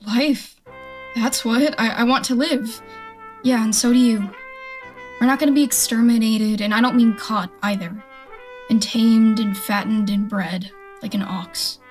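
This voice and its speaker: A woman with a fairly high voice acts in a radio drama as a defiant, survival-minded militia stranger, speaking bluntly and folksily as if giving a speech. Her unhurried, lightly acted delivery keeps a fairly even intonation, fierce and scornful, over soft background music.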